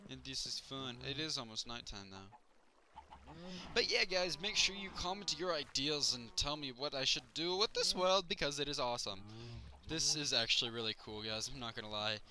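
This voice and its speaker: A young man casually commenting on his own Minecraft play as a gaming YouTuber, chatty and excitable, yelping when things go wrong. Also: medium pitch, normal speed.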